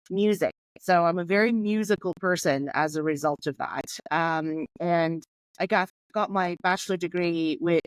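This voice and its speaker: Originally from Hong Kong, a woman in her forties appears as a guest in a conversational podcast interview, telling her life story candidly and reflectively. Her voice is fairly low, with no echo.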